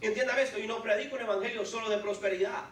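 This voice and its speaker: With a high-sitting, steady voice that is a bit bright, a pastor preaches very fast and fervently, pressing his congregation to have faith. Recorded in a large, echoey church hall on a distant mic, with music behind and slight background noise.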